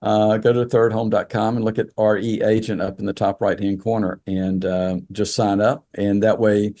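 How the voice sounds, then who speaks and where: Gravelly low man, halting. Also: little pitch movement, dark tone. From South Georgia, USA. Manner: halting, many "uh" fillers. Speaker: entrepreneur guest. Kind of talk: casual interview chat.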